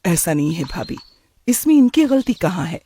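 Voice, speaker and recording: A man's voice: sits high, very animated, normal speed, mellow, a little hiss or hum. A man putting on a doting middle-aged cartoon aunt. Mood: earnest. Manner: affectionate, complaining. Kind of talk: cartoon voice acting.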